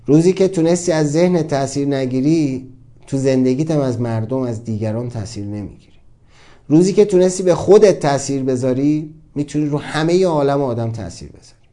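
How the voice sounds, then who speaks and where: A man's voice: medium pitch, warm tone. A young adult man giving a casual motivational talk, earnest and urgent, repeating phrases for emphasis. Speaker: motivational speaker.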